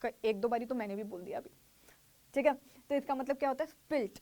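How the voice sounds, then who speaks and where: High-voiced woman teaching English idioms. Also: mellow. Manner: explains in Hindi, repeats phrases slowly, acts out little skits. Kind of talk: online grammar lesson.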